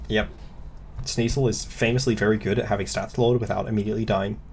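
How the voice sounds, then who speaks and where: A man with a low, gravelly voice hosts a casual chat, wandering through his points with plenty of ums and likes. His tone is wry and loose rather than polished. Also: fairly even intonation, fast, slight background noise. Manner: rambling, filler-heavy, wry. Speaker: podcast host. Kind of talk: casual chat about competitive games.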